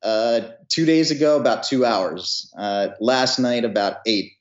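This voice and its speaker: A man in his thirties, a company founder answering interview questions in a hesitant way, with many pauses. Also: mid-range voice. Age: 30s. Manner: hesitant, full of fillers and restarts. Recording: roomy, dull audio.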